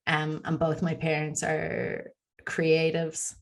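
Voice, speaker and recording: A woman's voice: sits low, monotone, slow pace, vocal fry. A woman in her forties with a Dublin Irish accent, chatting openly as a podcast guest with plenty of ums and likes. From Ireland. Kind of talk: casual interview chat.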